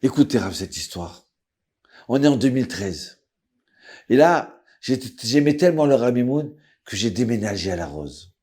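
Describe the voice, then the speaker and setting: A man, telling a personal story in a lively way and acting out the voices. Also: medium pitch, moderate pace, breathy edge. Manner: lively, acts out voices, swings loud and soft.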